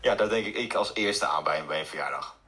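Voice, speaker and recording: A man's voice: very deep voice, expressive, a little fast, pushed and bright. A man from the Netherlands with a Dutch accent, chatting casually and informally as a podcast guest. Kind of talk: casual chat.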